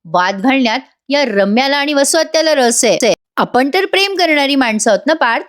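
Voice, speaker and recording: A woman's voice: high voice, expressive, moderate pace. A woman voicing a proud, defiant young married woman while retelling a serial scene.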